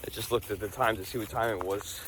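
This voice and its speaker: A man's voice: on the low side, steady tone, fast talker, background noise. A man from New York's Hudson Valley who rambles in casual vlog chat, laughing often while he walks his dog along a wooded trail outdoors. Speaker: vlogger.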